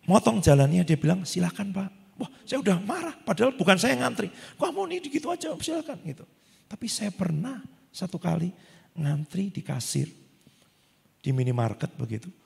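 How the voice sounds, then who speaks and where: Gravelly pastor in an echoing church hall. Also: male voice, on the high side. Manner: animated, acts out quotes. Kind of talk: sermon. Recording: long church hall reverb.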